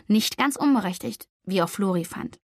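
A woman reading a novel aloud in calm, measured scripted narration. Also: medium pitch, no room sound, studio quality. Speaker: audiobook narrator.

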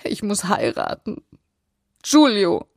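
A weary young woman speaks through tears with quiet resignation, as the audiobook reader voices her. The voice is husky with a gravelly edge. It sounds close and dry. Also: medium pitch, measured pace, no echo, exaggerated voice. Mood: tearful. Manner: tearful, resigned. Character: young woman, tearful weary older sister. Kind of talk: audiobook character voice.

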